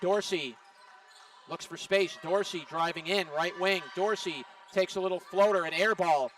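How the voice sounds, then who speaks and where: A man calling a college women's basketball game play by play, with rapid, excited calls of each play. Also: high voice. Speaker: play-by-play announcer. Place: college gym. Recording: distant mic with faint gym noise.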